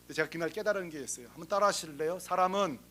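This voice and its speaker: A man who is a senior pastor, preaching a sermon with lively, humorous stories, acting out the people in them and asking the congregation questions. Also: fairly high pitch, racing. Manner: lively, humorous storytelling that acts out the people in the story; talks straight to the congregation with rhetorical questions.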